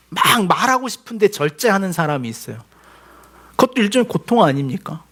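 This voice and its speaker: A man's voice: high-pitched, fairly bright tone. A male pastor giving a sermon in a conversational, humorous way, acting out little quoted voices as he goes.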